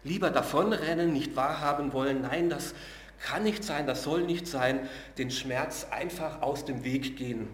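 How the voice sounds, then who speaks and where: Prediger in hallendem Saal. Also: male voice, fairly high pitch, reverberant. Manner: earnest, slows and drops to a hush on key words; uses filler sounds between phrases. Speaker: preacher. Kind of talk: sermon.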